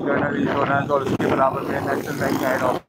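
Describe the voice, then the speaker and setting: A man's voice: mid-range voice, quick pace. A male vlogger narrating a motorbike tour, steadily pointing out buildings as he rides along an outdoor city road. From Pakistan. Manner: steady guided-tour commentary, naming buildings. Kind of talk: moto vlog tour narration. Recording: loud wind and traffic noise.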